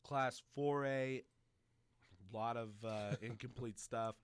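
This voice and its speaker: A man hosting a high school sports talk show, chatty and joking with fillers. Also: fairly even intonation, slow pace, slight background noise. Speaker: sports radio host.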